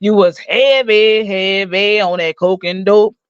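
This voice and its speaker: A woman in her forties tears into someone with a cursing, mocking roast, her insults loud and relentless. Her voice sits at an ordinary middle pitch. The recording is dry and a little dull, like a budget stream mic. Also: steady tone, unhurried, clear, resonant tone, no room sound. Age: 40s. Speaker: livestream host. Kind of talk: angry roast rant.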